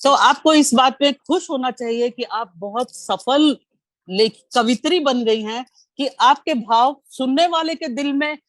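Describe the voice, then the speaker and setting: A woman's voice: high voice, unhurried, no room sound. A woman giving an effusive spoken critique of poems at a poetry session, exclaiming and quoting lines with feeling, over a video call.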